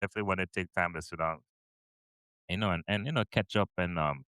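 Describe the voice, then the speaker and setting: A man's voice: low-pitched, quick pace, sharp tone, clean tone, no room sound. A middle-aged Trinidadian man hosting a podcast interview, chatty and upbeat, with lots of fillers and repeated words. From Trinidad and Tobago. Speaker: podcast host. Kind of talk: casual interview chat.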